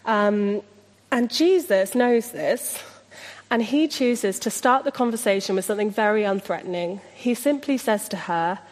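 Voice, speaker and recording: A woman's voice: medium pitch, unhurried. A woman preaching a sermon in an earnest, reflective way as she retells a scripture story. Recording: long hall reverb.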